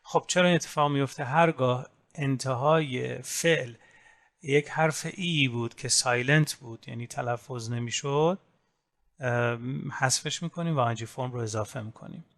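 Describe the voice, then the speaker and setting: A man teaching an English grammar lesson, explaining rules step by step and saying English example words slowly. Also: medium pitch, a bit bright. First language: Persian. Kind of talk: recorded grammar lesson in Persian.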